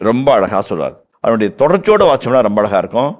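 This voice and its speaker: A man's voice: mid-range voice, very animated, very fast. A man with a Tamil accent, a priest explaining the Bible verse by verse in an impassioned way, repeating phrases for emphasis.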